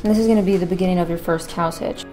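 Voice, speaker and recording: A woman's voice: on the low side, steady tone, rapid-fire, mellow, soft background music. A woman narrating a craft tutorial as its host, in an informal, conversational way.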